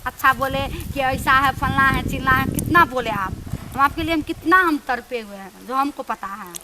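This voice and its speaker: A woman's voice: high voice, normal speed, noisy background, lightly acted. A woman playing a young village woman who firmly and wearily turns down a pushy suitor, recorded outdoors in a forest. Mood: firm refusal. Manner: firm, dismissive, weary. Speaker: actor in a short film. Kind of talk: amateur short film acting.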